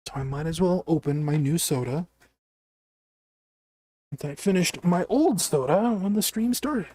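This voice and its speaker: A streamer with a naturally scratchy voice giving casual gameplay commentary, chatty and quick to react aloud. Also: mid-range voice, warm tone, dry recording, studio quality.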